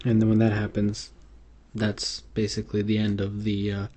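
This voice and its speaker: In this unscripted instructional lecture, a man talks through slides for a medical exam tutorial, hesitant and full of fillers and restarts. His lowish voice is mellow and monotone, at a moderate pace.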